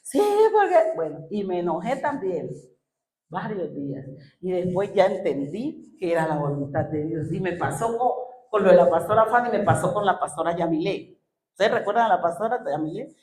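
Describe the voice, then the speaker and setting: A woman's voice: lowish voice, expressive, moderate pace, a little mellow. Woman preaching in a roomy church. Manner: emotional, re-enacts her own past words. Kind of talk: sermon. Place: church hall.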